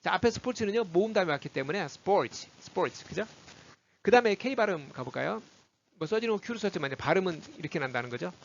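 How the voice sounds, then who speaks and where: A man with a Korean accent teaching English pronunciation in a recorded lesson, drilling word lists by repeating each word slowly and clearly. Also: high voice, lively intonation, dull audio.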